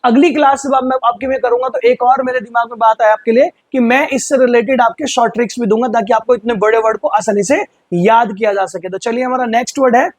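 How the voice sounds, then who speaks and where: A man teaching English vocabulary in Hindi, explaining patiently and slowly repeating words for pronunciation. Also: very high voice, fairly even intonation, no room sound. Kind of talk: vocabulary lesson.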